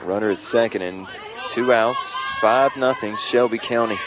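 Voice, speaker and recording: Male baseball play-by-play voice, lowish, clipped calls, audible ballpark crowd. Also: moderate pace. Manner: clipped, short descriptive calls. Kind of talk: live play-by-play commentary. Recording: outdoor ballpark with clear crowd noise.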